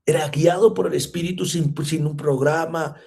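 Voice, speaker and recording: A man teaching a church class on revival. His voice sits fairly high yet sounds mellow and warm, and he keeps drawing his listeners in with rhetorical questions. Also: steady tone, normal speed, gravelly. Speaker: Bible teacher.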